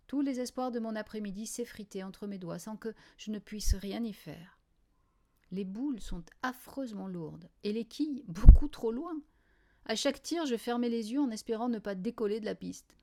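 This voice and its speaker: A woman narrating a children's novel in the first person, in a quiet, wry diary style. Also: medium pitch. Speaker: audiobook reader.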